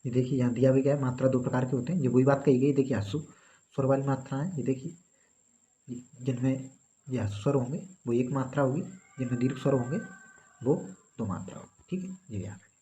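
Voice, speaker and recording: This grammar teacher talks fast in a mid-range voice with a dark tone. He explains things one step at a time and repeatedly checks on his students, and the recording sounds slightly dull with some faint background noise.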